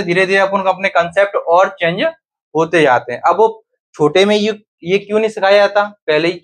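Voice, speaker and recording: A man's voice: high-pitched, a bit bright. A man teaching a grammar lesson to a class, often asking students questions and then answering them himself.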